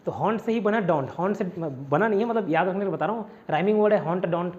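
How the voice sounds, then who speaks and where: Higher-voiced man drilling vocabulary. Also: fast, a little mellow, highs cut off. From India. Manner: repetitive drilling, mixing Hindi and English. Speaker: vocabulary teacher. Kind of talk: online exam-prep lesson.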